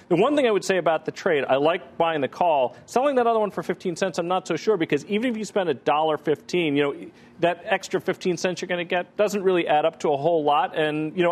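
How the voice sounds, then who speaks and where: A man giving blunt, opinionated commentary on a trade as a panelist on a financial TV show. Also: fairly high pitch.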